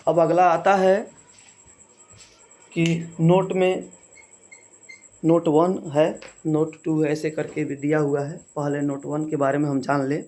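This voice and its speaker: A man with a fairly high but mellow voice teaches a grammar lesson. He talks very slowly and deliberately, one step at a time. He keeps pausing to check in with the listener. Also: flat delivery. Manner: slow, measured, repeats "है ना" as a check-in. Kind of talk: slow explanatory lesson.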